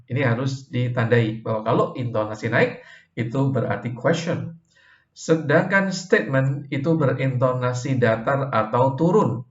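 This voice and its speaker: A man with an Indonesian accent giving a recorded university lecture, explaining at a relaxed pace and often tagging his sentences with short checks. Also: mid-range voice. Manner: relaxed, drawn-out explanations with frequent "oke" and "ya" tags. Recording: roomy, dull lo-fi sound.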